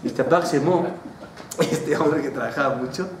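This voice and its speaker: A man, a rabbi, telling stories in a sermon to a class, animated and acting out characters. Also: fairly high pitch, moderate pace. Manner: animated, switches into character voices. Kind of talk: storytelling sermon. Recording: roomy hall, distant mic, faint noise.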